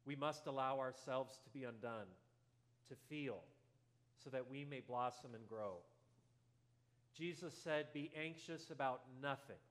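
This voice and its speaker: A male pastor preaching a sermon in a church, telling a story earnestly and going softer at tender moments. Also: mid-range voice, unhurried. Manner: earnest storytelling, drops softer for quoted lines.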